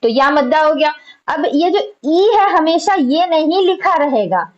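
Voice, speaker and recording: A woman's voice: high voice, lively intonation, measured pace, lo-fi sound. A woman teaching an online Urdu lesson, patiently explaining letters and quizzing her students.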